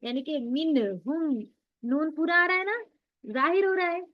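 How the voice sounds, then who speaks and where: Woman, high voice, patient teacher, asks and answers her own questions, dull lo-fi audio. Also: expressive, normal speed. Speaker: Quran recitation teacher. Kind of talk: online class lesson.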